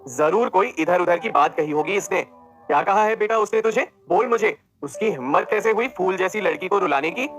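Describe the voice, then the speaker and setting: A man's voice: sits high, lively intonation, fairly quick, a bit bright, soft background music. A man voicing a stern, hot-tempered older father. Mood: angry. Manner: gruff scolding.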